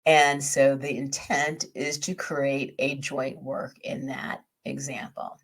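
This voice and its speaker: A woman with a slightly hoarse, scratchy voice, hosting a podcast and methodically explaining a topic through lists and examples. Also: rumbling low, little pitch movement, takes it slowly. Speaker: podcast host.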